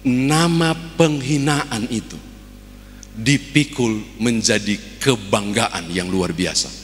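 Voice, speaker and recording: A man's voice: fairly low pitch, slow pace, in a large hall, faint music behind. A man with a Manado accent, a pastor preaching a sermon and telling stories to his congregation. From Manado, Indonesia. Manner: storytelling preacher acting out a joke.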